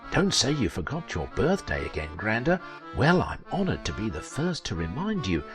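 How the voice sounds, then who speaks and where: A man voicing a friendly woman passer-by who speaks softly and cheerfully. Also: lowish voice, wildly swooping pitch, normal speed, music in the background, pitched above the performer's own voice. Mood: hushed. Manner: soft, hushed, cheerful.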